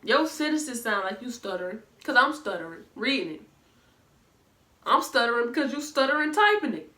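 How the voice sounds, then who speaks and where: A woman's voice: fairly high pitch, expressive, normal speed, pushed and bright, echoey room. A woman with a Southern US accent giving casual commentary, blunt and sarcastic, speaking straight to her viewers. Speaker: reaction commentator. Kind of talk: casual commentary reading messages.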